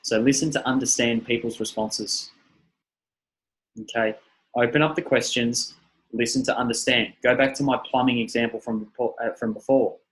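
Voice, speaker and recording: A man who trains personal trainers, giving an energetic seminar talk and repeating his key phrases. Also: mid-range voice, moderate pace, poor audio.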